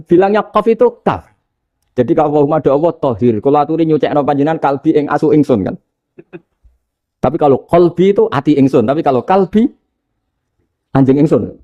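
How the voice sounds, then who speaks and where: A man with a Javanese accent giving a casual religious lecture, telling lively stories and chanting Arabic examples. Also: on the high side, lo-fi sound. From Indonesia. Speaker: Islamic preacher.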